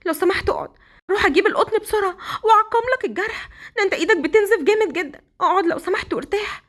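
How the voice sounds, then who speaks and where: A woman with an Egyptian accent voicing a shy, easily flustered young bride who talks excitably, close to tears, in a storybook romance. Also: racing. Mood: panicked. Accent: Egyptian Arabic. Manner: high-pitched, excitable, near tears.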